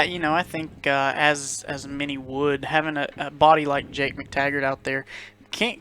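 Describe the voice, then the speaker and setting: A man's voice: a little high, fairly bright tone. A man doing chatty pregame football color commentary, hedging often with "you know". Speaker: sports co-commentator.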